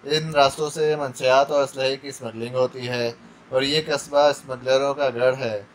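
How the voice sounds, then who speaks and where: A man's voice: medium pitch, fairly even intonation, normal speed, slight background noise, close to an everyday voice. A man voicing a wounded male captive under torture, stammering and pleading for mercy. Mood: shaken confession.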